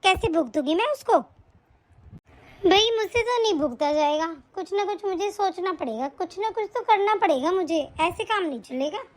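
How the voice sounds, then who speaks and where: A woman's voice: extremely high pitch, animated, normal speed, a little hiss or hum. A woman voicing a lazy, quarrelsome elder daughter-in-law in a cartoon story, whiny and always complaining. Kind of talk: cartoon voice acting.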